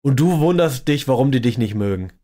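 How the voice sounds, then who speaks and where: A man's voice: mid-range voice, expressive, fairly quick, mellow. A man hosting a reaction video, giving mocking commentary in a dry, sarcastic tone. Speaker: reaction channel host.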